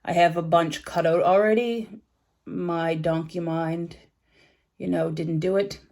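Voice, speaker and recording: A woman's voice: fairly low pitch, fairly even intonation, unhurried, a little mellow. A woman vlogger talking casually to her viewers, chatty and rambling with frequent ums. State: sleepy, yawning. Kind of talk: casual vlog chat.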